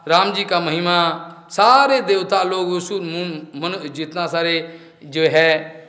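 A man's voice: sits high, takes it slowly, sharp tone. A male preacher giving a devotional scripture discourse in a temple hall, telling stories and acting out the characters' lines. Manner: storytelling, acting out quoted dialogue. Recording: echoey hall reverb.

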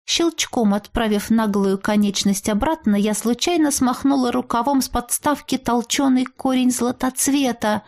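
A woman reading a first-person audiobook aloud, lively and expressive, with playful irony. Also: on the high side, moderate pace, few pauses. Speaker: audiobook reader.

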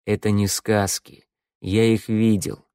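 A man voicing a stern, weary swordsman in an audiobook. He talks low and commanding, a leader keeping others in check. Dry, close recording. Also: little pitch movement, takes it slowly, mellow, clean tone, dry recording.

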